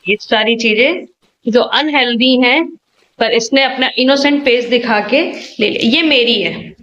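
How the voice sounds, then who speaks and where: A woman's voice: a little high, measured pace, a bit bright, lo-fi sound. A woman in her thirties, a mother chatting casually in a home vlog, talking in a chatty, complaining and teasing way. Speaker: vlogger and mother. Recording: echoey room with faint ambience.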